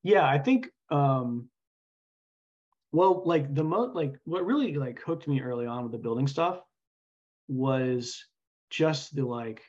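A man speaking informally as an interview guest, halting and thinking aloud as he explains his views. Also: mid-range voice, expressive, darkish tone, muffled recording. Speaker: podcast guest, software engineer. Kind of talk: casual interview conversation.

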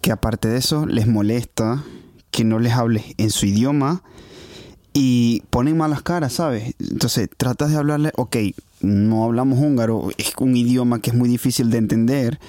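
A man with a Venezuelan accent co-hosts a casual chat, rambling through complaints and repeating words while he searches for the next one. His voice is mellow and warm at a medium pitch. The recording is dry and close. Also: normal speed, no room sound. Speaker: podcast co-host.

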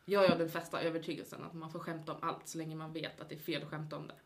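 A woman's voice: sits low, level tone. A woman with a Stockholm accent chatting casually and jokingly as a podcast co-host.

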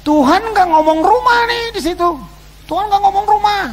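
A man preaching a sermon to his congregation, swinging between loud exclamations and quiet asides. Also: extremely high pitch, normal speed, crowd noise, poor audio. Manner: addresses the congregation as "saudara". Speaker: pastor. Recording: faint background noise and hum.

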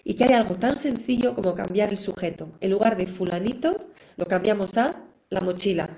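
A woman's voice: mid-range voice, brisk, vocal fry, low-quality recording. A middle-aged woman, teaching parents in a live online class in an encouraging manner. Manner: warm, encouraging, acts out examples. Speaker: parenting educator.

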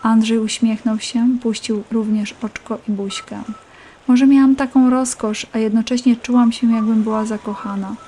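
A woman narrating a first-person story in an intimate, even reading manner. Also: a little high, moderate pace, husky. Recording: narration over background music. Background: music.

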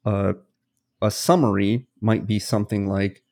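A man's voice: fairly low pitch, fairly even intonation, measured pace, gravelly, dark tone. A man co-hosting a podcast as a game master, explaining his ideas at length in a casual, long-winded way with plenty of worked examples. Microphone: podcast studio mic.

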